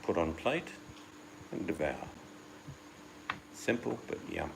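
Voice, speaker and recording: A man's voice: sits low, animated, takes it slowly, vocal fry, noisy background. A man from the United Kingdom chatting casually and rambling as host, acting out the voices he quotes. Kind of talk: casual chat.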